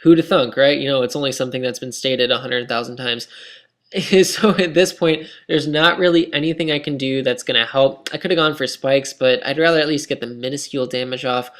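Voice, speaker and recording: Fairly quick and fairly even in intonation, this young man's mid-range voice is tired and scratchy. He commentates on his own online game in a rambling, casual, self-critical way.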